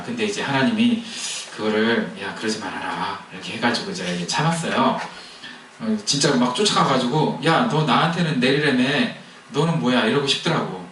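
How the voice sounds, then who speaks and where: A man preaches in a relaxed, conversational way, telling stories and turning to his listeners with questions. His voice sits at a middle pitch. He is picked up from a distance in an echoey church hall, with a faint hiss underneath. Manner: conversational storytelling with asides to the congregation. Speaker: pastor. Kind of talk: sermon.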